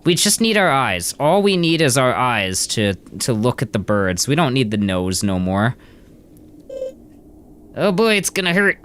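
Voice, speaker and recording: A man's voice: medium pitch, sing-song, a little slow, a bit bright, clear, resonant tone. A man streaming a horror game, reading the dialogue aloud with frequent laughs and stammered restarts.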